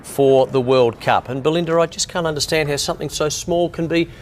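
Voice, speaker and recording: Higher-pitched male sports newsreader. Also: brisk, a little hiss or hum. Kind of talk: scripted news reading.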